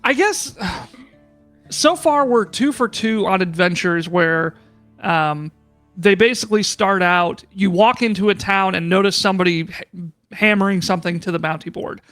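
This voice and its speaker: A man with a high-pitched, fairly bright voice talks at a normal speed over soft background music. He's the game master in a casually streamed tabletop game, rambling and poking fun at himself as he thinks out loud.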